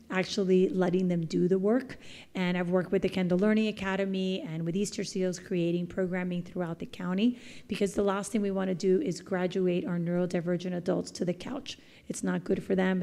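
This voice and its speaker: Woman advocate, mellow tone, lowish pitch, articulate and earnest. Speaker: guest presenter and advocate. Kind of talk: informal public presentation.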